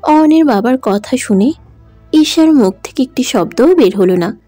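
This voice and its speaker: A woman's voice: high-pitched, expressive, normal speed, warm tone, no room sound, soft background music. A woman narrating a romantic audio drama in an emotive, dramatic manner. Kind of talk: scripted story narration.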